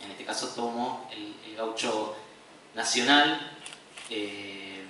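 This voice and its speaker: A playwright and director from Patagonia in southern Argentina, with an Argentine Spanish accent, gives a semi-spontaneous conference talk, halting as he searches for words. His lowish voice sounds pushed and bright, caught by a distant mic in a very echoey hall with faint noise.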